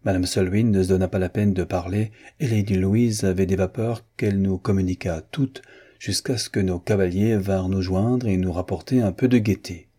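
A man narrates a classic novel as an audiobook reader, in an even and unhurried way. His voice is low, dark and somewhat husky.

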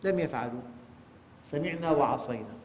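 A man's voice: medium pitch, fairly quick, a little hiss or hum. Emphatic preaching man in echoing hall. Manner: emphatic preaching, rhetorical questions to listeners. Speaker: sheikh giving Quran exegesis. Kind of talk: religious lecture. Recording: long hall reverb.

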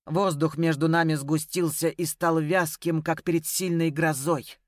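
A woman's voice: deep voice, steady tone, a little slow, no room sound, clean studio sound. A woman narrating an audiobook in a dramatic, emotive reading style.

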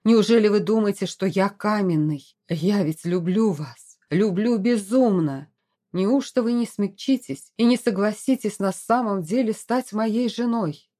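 A woman voicing a proud young English lord in an audiobook, speaking low with restrained intensity. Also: a little slow, warm tone. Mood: passionate.

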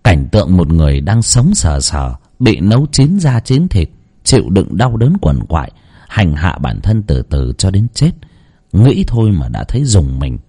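Man, horror audiobook narrator, low dark voice, very lively intonation, dramatic. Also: moderate pace, breathy edge. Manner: dramatic, expressive storytelling.

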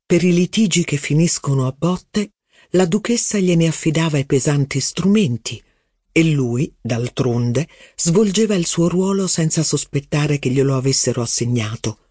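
A man narrating a literary novel as an audiobook, measured and even. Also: a little high, husky, no echo, studio quality.

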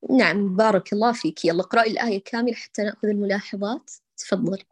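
A woman teaching Quran recitation to a student, patiently correcting her and stretching out sounds slowly to show how they should be said. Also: mid-range voice, slightly rough, no room sound. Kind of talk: one-on-one recitation coaching.

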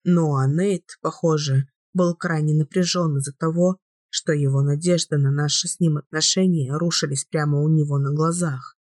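A woman narrating a first-person romance novel in a steady, measured way. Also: deep voice, no room sound, studio quality. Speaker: audiobook reader.

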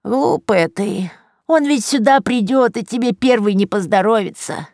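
A woman's voice: medium pitch, expressive, measured pace, a little mellow, no room sound, studio quality, voice pushed up. A woman voicing a blunt, scolding old witch who sighs at her sister. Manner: sighing, scolding.

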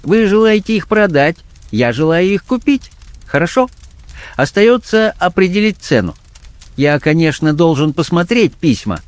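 A man's voice: high voice, big pitch swings, normal speed, no room sound, voice pushed up. A man voicing a smug, menacing middle-aged male blackmailer, talking down in a sneering, condescending way. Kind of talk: audiobook character voice.

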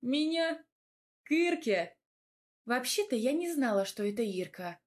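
A woman voicing a playful, sharp-tongued young heroine in an audiobook, lifting her voice noticeably higher and brighter. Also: moderate pace, natural voice. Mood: teasing. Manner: bright, raised, teasing delivery.

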